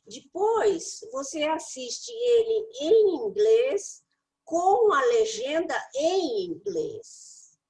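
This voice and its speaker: Lively high-voiced woman English teacher. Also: very slow, low-quality recording. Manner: animated, playful, talks directly to the listener. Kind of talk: mentoring talk with study tips.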